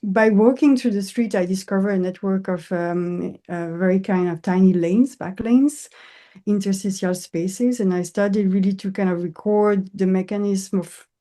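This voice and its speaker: A woman from Switzerland, an architect and professor, talks in English during an interview conversation, hesitant and heavy on fillers. Her medium-pitched voice stays steady and mellow at a moderate pace.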